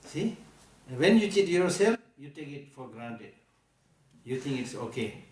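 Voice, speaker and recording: A man with a Tibetan accent gives a Buddhist teaching to listeners in a deliberate, emphatic way, repeating key phrases and posing rhetorical questions. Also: mid-range voice, very animated. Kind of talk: Buddhist teaching to a live audience. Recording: echoey room, recorded from a distance.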